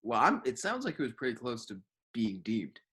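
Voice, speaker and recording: A man's voice: mid-range voice, huge pitch swings, normal speed, a bit bright, husky. A young man co-hosting a podcast, mostly listening and giving short replies in casual chat. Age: young adult. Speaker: podcast co-host.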